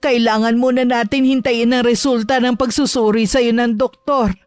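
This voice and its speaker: A woman playing a worried, tender grandmother in a horror audio drama, coaxing her grandchild gently. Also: on the high side, steady tone, moderate pace, no room sound, close to an everyday voice.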